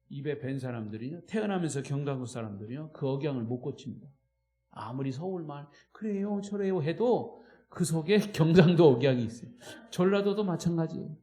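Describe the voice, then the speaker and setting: A man with a Chungcheong Korean accent, a pastor preaching emphatically and calling on the congregation, shifting between loud and quiet. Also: a little high. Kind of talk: sermon. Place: church at evening worship.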